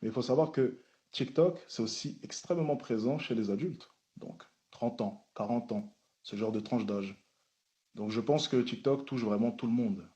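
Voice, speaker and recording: Dark-voiced man answering questions formally. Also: mid-range voice. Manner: measured, repeats key phrases, formal phrasing. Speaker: social media content creator testifying at a hearing.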